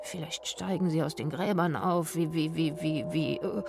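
A woman's voice: deep voice, slow, creaky, noisy background, full character voice. A woman voicing a whiny, fearful middle-aged male crook who stammers and frets, read as a storybook character. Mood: stammering scared. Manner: stammering, jittery.

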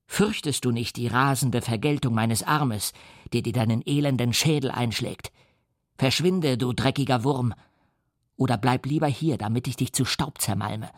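A man's voice: medium pitch, moderate pace, no room sound, natural voice. Guy playing a raging scientist cursing, audiobook style, dry close mic. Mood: furious. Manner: furious declamation, some lines hushed. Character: enraged young male scientist, vengeful.

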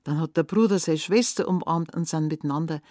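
A woman with a Bavarian accent telling a fairy tale aloud in a lively, conversational way. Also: low-pitched, a little fast, no room sound, studio quality. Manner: lively, conversational, dialect words. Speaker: storyteller.

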